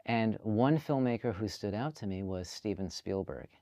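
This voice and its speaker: A man from Canada, a filmmaker telling his story in a relaxed, chatty interview. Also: fairly low pitch, normal speed, no echo, clean studio sound. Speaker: guest filmmaker. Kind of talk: casual interview.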